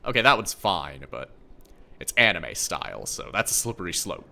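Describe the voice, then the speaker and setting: Wry gamer guy with creaky voice. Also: sits low, sing-song, moderate pace, pushed and bright. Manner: wry, sarcastic, swearing asides. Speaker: let's play host. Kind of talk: casual video game commentary.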